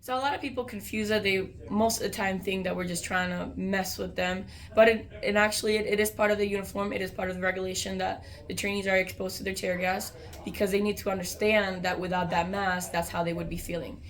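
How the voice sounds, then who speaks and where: A woman's voice: medium pitch, flat delivery, fairly quick. An American woman, a soldier, explaining training procedures in an informal interview.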